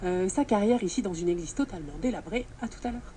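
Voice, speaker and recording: A woman's voice: medium pitch, fast talker, dark tone. A woman doing a chatty, jokey live report and interview from inside a large church, with hallway-like echo. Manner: chatty, jokey, addressing viewers. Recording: noisy echoing church interior, construction din.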